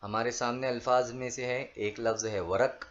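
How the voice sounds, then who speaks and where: A man teaching a school lesson, reading out word lists one word at a time in a slow, measured way. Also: mid-range voice, steady tone. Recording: dull lo-fi recording.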